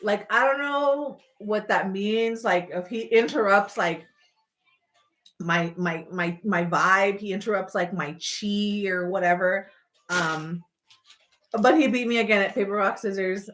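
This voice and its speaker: A woman chats casually to her livestream viewers in a medium-pitched voice. Her delivery is animated and playful, wandering through personal stories. She leans on key phrases for emphasis as she rambles along. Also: unhurried. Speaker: livestream host.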